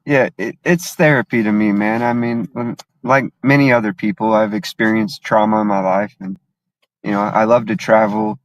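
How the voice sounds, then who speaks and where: Low-voiced man talking unhurriedly. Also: fairly even intonation, normal speed, no echo, low-quality recording. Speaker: guest. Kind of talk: casual conversation.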